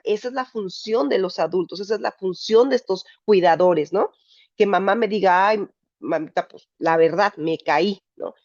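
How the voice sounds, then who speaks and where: A woman's voice: medium pitch, a little mellow, no echo. A woman psychologist giving a candid, emphatic personal talk to a support group. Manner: candid, emphatic, frank language. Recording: dull dry lo-fi recording.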